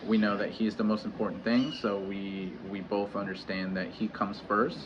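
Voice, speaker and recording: A man in his thirties with a lowish voice speaks haltingly, full of pauses and restarts, as he opens up in a personal vlog. The audio is dull and lo-fi, with steady noise underneath. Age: 30s. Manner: hesitant, halting, many restarts and fillers. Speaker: vlogger. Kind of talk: candid personal vlog talk. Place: home in Mexico.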